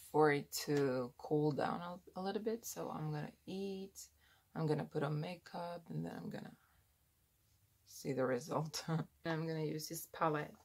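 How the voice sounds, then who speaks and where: A woman's voice: low-pitched, gravelly. A young woman at home rambling through a casual behind-the-scenes vlog as she does her hair and makeup, laughing at herself in a self-deprecating way. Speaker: vlogger.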